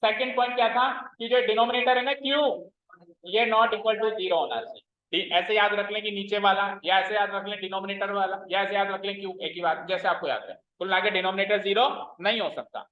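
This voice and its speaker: A man's voice: high voice, steady tone, brisk. A man teaching maths to a class, stern and repetitive, quizzing his students as he explains. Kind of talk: classroom lecture. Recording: roomy, dull lo-fi classroom recording.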